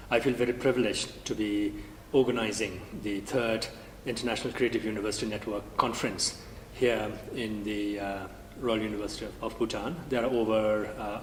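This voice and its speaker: A university research director giving hesitant conference remarks, pausing often with fillers. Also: male voice, lowish voice, steady tone. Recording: reverberant hall, distant mic.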